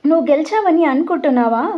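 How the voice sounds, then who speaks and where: A woman voicing a scheming older male villain, speaking with calm, measured menace. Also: sits high, lo-fi sound. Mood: menacing.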